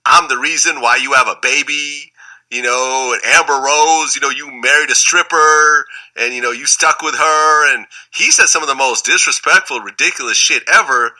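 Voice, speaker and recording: A man's voice: medium pitch, normal speed, bright, forceful tone, rough recording. A man interviewing someone in casual chat, agreeable and gossipy.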